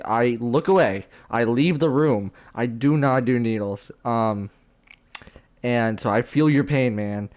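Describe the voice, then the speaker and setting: A man from the United States, a guest in a casual chat, telling stories in a lively way with casual slang. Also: medium pitch. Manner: animated storyteller, casual slang.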